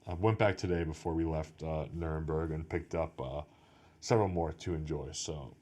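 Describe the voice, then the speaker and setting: A man's voice: extremely low pitch, steady tone, moderate pace, darkish tone. An American man hosting a podcast, chatting casually and rambling through a story with lots of "like". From United States. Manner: rambling storyteller, heavy use of "like". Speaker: podcast host. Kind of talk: casual chat.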